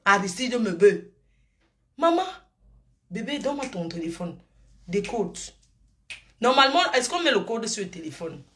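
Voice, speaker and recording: A woman's voice: mid-range voice, sing-song, unhurried, long pauses, fairly bright tone. A middle-aged woman and grandmother rambling on a live stream, showering her viewers with pet names and drifting between topics.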